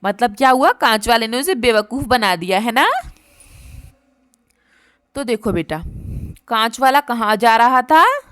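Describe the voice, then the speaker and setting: A woman's voice: a little high, expressive, a bit bright, clear, resonant tone, no echo. Patient, dry-voiced woman teacher. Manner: patient, repeats words slowly for children. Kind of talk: workbook lesson for young children.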